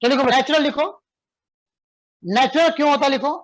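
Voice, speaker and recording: Man dictating physics notes slowly. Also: very high-pitched, fairly bright tone, rough recording. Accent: Indian English. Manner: dictates slowly, repeating phrases, then explains fast with questions to students. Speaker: physics teacher. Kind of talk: classroom lecture, dictating notes.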